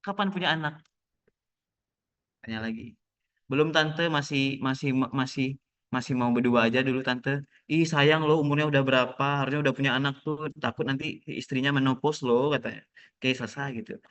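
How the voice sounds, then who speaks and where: Bright-voiced young male lecturer joking. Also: medium pitch, moderate pace. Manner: joking, acts out relatives' questions. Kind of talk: casual online lecture. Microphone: video call.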